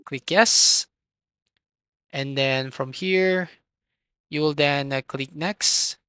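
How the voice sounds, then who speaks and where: Recorded close to the microphone, a tutorial host gives step-by-step software instructions in an instructional way. The mid-range voice is clear and resonant, and the pace is extremely slow.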